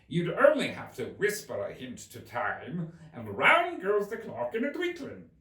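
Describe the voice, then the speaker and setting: A man's voice: sits high, huge pitch swings, a little slow, a bit bright, pitched above the performer's own voice, heavily acted. A man voicing an eccentric, huffy and mournful male storybook Hatter, with an emphatic, theatrical and contemptuous manner. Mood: animated. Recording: roomy, distant microphone.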